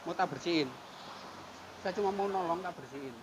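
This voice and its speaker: A man talks calmly and coaxingly to someone on a roadside, repeating soothing phrases. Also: sits high, brisk. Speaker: volunteer caring for a homeless man. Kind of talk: filmed street outreach, talking to a man on camera. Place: roadside outdoors near a market. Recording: outdoor traffic and insect noise.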